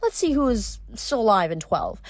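A woman's voice: a little high, very animated, normal speed, pitched above the performer's own voice. A woman voicing a spiteful, scheming sorceress queen who sneers and mocks. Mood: mocking. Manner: sneering, mocking, dismissive.

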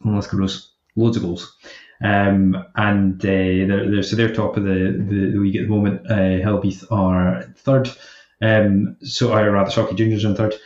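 Roomy echoey audio, guy w lowish voice, halting casual footy chat. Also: level tone, darkish tone. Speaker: football podcast panellist. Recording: roomy, slightly muffled sound.

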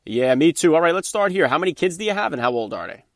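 Male podcast host, quick upbeat questioner, slightly higher voice, dry sound. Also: big pitch swings. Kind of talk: interview hosting.

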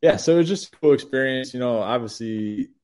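A man's voice: mid-range voice, a little fast, a little mellow. A man in his late twenties, a former college football player, chatting casually as a guest over a glitchy video call whose audio drops out and clips his word endings. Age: late 20s. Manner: loose, filler-heavy talk with many "you know"s. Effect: glitchy video-call audio with choppy, cut-off endings. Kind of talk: casual interview chat.

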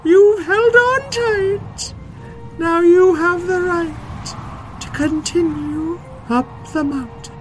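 The booming mountain wind. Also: music in the background. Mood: booming, lofty. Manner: slow, drawn-out, commanding.

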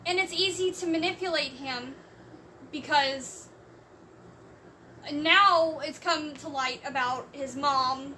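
Woman, high and bright, slow measured delivery, slightly off-mic with faint noise. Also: distant mic. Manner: slow, measured, explains at length. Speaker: co-host discussing a court case. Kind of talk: casual chat.

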